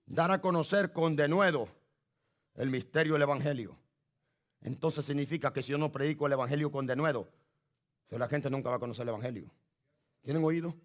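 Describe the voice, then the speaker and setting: A man preaching a fiery sermon to his church on a microphone, shouting and exhorting the congregation. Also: fairly high pitch. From Latin America. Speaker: pastor. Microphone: handheld microphone.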